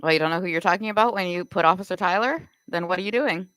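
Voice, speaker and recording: A woman's voice: on the low side, fast, a bit bright, smooth, no room sound, poor audio. A Canadian woman live streaming, firing off accusatory rhetorical questions in a confrontational rant.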